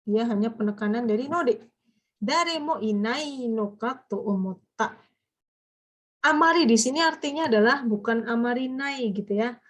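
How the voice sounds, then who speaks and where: A woman teaching a grammar class, patiently explaining and quizzing her students with drawn-out prompts. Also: fairly high pitch. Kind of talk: live class lesson.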